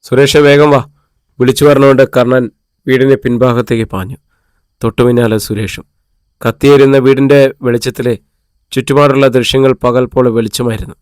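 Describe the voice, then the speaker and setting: A man reading a serialized audiobook in an even, measured way, at a middling pitch. The recording is dry and close, with no room around the voice. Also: smooth, no room sound. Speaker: audiobook narrator. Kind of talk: scripted story narration.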